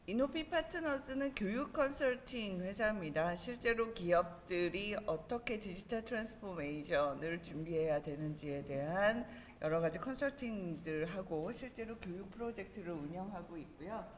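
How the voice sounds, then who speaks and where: A woman's voice: mid-range voice, animated, normal speed, hardly any pauses. Female conference speaker, formal presentation style, mid-range voice in an echoing hall with faint noise. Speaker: presenter, education consulting company head. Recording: roomy hall with long reverb, faint noise.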